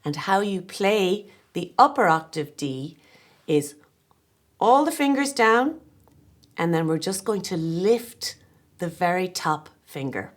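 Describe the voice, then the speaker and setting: A woman in her forties with a Kerry Irish accent, giving a gentle, encouraging, step-by-step tin whistle lesson. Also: on the low side, animated, slow pace. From Ireland (West Kerry).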